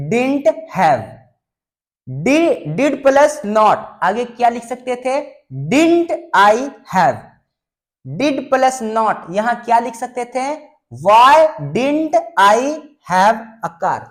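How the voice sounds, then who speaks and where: Slow, patient woman teacher. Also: a little high, expressive. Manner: patient, addresses students as "babu"; repeats and drills English sentence patterns. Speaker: English teacher. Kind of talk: classroom grammar lesson.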